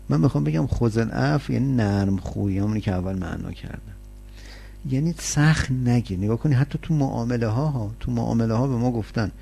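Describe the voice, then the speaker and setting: Gravelly, husky man giving a sermon. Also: medium pitch, mellow. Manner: explains with everyday examples and rhetorical questions. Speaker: religious lecturer. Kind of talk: conversational sermon.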